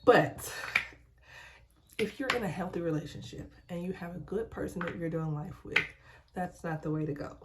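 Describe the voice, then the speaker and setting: Low-pitched young woman, hushed and reflective. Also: normal speed, very noisy. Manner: hushed, so as not to be overheard. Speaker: lifestyle vlogger. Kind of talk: candid confessional chat while doing skincare. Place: home bathroom.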